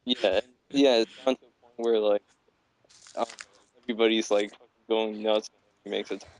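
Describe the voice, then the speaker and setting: Lower-voiced man on a breaking-up call line. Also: fairly even intonation, brisk, poor audio. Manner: loose, rambling, swears casually. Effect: breaking-up bad call connection. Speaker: podcast co-host calling in remotely. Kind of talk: casual sports chat. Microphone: remote call line.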